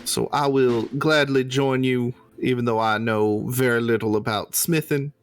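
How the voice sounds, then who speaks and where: A man's voice: medium pitch, steady tone, measured pace, clean tone, no room sound, soft background music. A man playing a tabletop game, improvising in-character chat in a hesitant, politely worded way.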